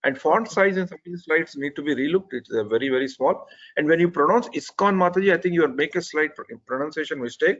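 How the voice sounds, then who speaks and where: A man's voice: a little high, fast talker, fairly bright tone, highs cut off. A man giving earnest, methodical spoken feedback on an online presentation, often restarting his sentences. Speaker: presentation evaluator.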